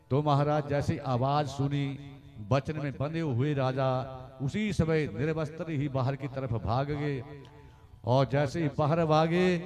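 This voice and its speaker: Male katha storyteller, unhurried delivery, faint music behind, folksy and chanting. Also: mid-range voice, a little mellow. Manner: storytelling, often addresses listeners as "maharaj"; chants Sanskrit verses in a singing voice. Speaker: katha preacher. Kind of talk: devotional storytelling sermon.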